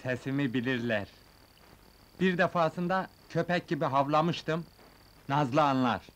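An actor playing a naive, simple-minded young village man in a 1970s film comedy, talking in a rustic, artless, halting way. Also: on the high side, fairly bright tone, slight background noise, poor audio. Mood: earnest. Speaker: comic lead.

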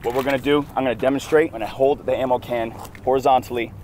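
Crisp military man giving instructions. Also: medium pitch, steady tone, fast, darkish tone, a little hiss or hum. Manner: crisp, military, matter-of-fact. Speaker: test proctor. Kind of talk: instructional explanation. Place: outdoor running track.

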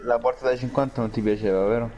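A man's voice: mid-range voice, fairly even intonation, fast talker, dark tone, highs cut off. A man in casual gaming chat with his friends. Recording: noisy voice chat with clicks.

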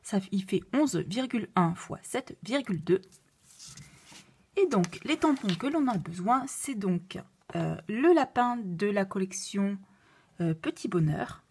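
A woman with a noticeable foreign accent, walking through a craft tutorial with many fillers and self-corrections, at times dropping to a soft whisper. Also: medium pitch, lively intonation, a little slow, breathy edge. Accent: non-native French accent. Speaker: card-making demonstrator.

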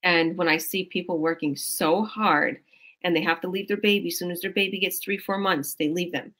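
Her voice fairly low, steady in tone, a bit bright and fairly quick, a coach hosts her team's video call from a small room at home. She offers casual motivation in a rambling, effusive style with many restarts, heard through a webcam mic.

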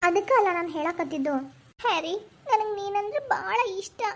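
A woman plays a manipulative young wife in a Kannada cartoon who pleads sweetly to her husband and plots in hushed asides. Her voice sits very high, and she speaks with a North Karnataka Kannada accent. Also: fairly quick. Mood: pleading. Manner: pleading, then plotting in low asides. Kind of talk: cartoon voice acting.

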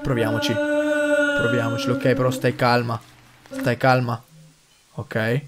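Excitable young man playing a horror game. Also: medium pitch, measured pace, over loud music. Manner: excitable, swears mildly, addresses viewers. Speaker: gaming video host. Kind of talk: horror game let's play commentary.

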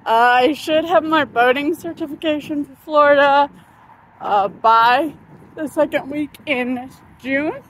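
A vlogger in her thirties with a high voice films a casual walking vlog on a phone held at arm's length as she strolls through a sunny park. She speaks slowly, drifting between thoughts with ums and uhs, and has the hiccups along the way. The recording quality is low.

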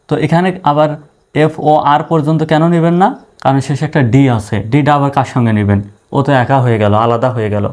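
A man's voice: a little high, darkish tone. A man teaching English spelling and pronunciation, patiently spelling out letters one by one and repeating each sound. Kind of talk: spoken spelling and pronunciation lesson.

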